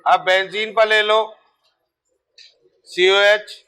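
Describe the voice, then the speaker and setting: A man's voice: high-pitched, flat delivery, drawn-out words, pushed and bright, clean tone. A man teaching chemistry, talking casually and repeating key terms while checking that students follow. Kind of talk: board lecture.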